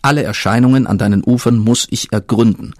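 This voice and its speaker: A man voicing a clever, curious spirit of thinking in a storybook reading, asking earnestly with a husky tone. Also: medium pitch, a little fast, a little mellow, dry recording, clean studio sound, close to an everyday voice. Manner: earnest, questioning.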